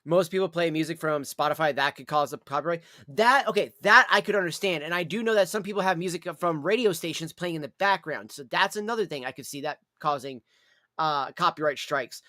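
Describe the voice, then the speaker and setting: A man's voice: fairly high pitch, fast talker, hardly any pauses, sharp tone, no echo, clean studio sound. A man chatting casually on a livestream in a rambling, repetitive way, with some swearing. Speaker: live streamer.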